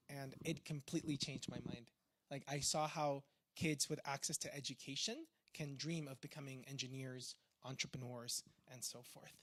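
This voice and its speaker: A man's voice: a little high, no room sound. Peruvian-accented young man, dry sound. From Peru. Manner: chatty, informal, full of fillers. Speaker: guest speaker, tech entrepreneur. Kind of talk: conversational talk on faith.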